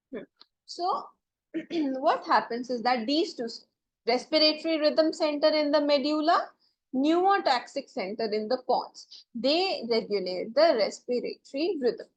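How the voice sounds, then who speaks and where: High-pitched woman teaching a class. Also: rough recording. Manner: explains step by step, often checking for understanding. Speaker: biology teacher. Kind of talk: classroom lecture with questions to students.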